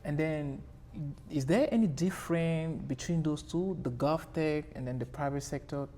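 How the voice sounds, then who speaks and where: A man's voice: a little high, moderate pace, warm tone, a little hiss or hum. A man hosting a podcast interview, asking loose questions and chiming in with short affirmations. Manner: frequent affirmations, loose phrasing. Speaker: podcast host.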